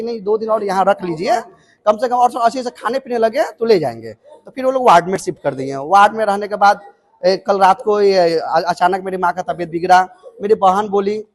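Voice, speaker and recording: A man from Chhattisgarh, India, earnestly recounting a complaint in halting speech to a reporter. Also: sits high. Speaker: patient's son. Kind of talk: interview testimony.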